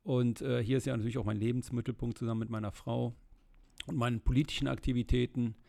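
Gravelly-voiced man, steady interview guest. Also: medium pitch, fast talker. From Germany, Rhineland. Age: middle-aged. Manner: fluent and steady, with frequent filler sounds. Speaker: interview guest, state politician. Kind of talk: casual interview.

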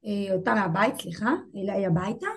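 A woman in her twenties telling a painful personal story as an interview guest, halting and repeating herself. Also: medium pitch, slight background noise. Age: 20s. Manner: halting, repeats herself, voices rise and fall with emotion.

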